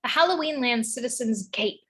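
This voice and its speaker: A woman's voice: fairly high pitch, lively intonation, normal speed, breathy edge. A woman narrating the stage directions of a script in a read-through.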